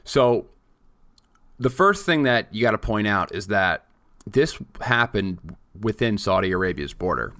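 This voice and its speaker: A man's voice: fairly low pitch, lively intonation, a little slow, fairly bright tone, no room sound, studio quality. A man in his late twenties co-hosting a casual podcast chat, joking and rambling with many restarts. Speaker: podcast co-host.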